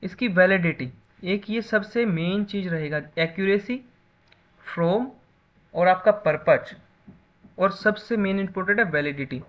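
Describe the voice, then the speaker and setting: A man's voice: high voice, a little slow, a bit bright. A man teaching a basic computer class in a lecture style, explaining with everyday examples and often checking back with "है ना".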